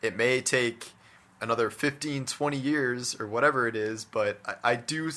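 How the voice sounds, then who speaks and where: Talking about video games on a podcast he co-hosts, a man shares his views in a relaxed, conversational way, his speech sprinkled with "like" and "you know." He has a mid-range voice with a bright, forceful tone and speaks at normal speed.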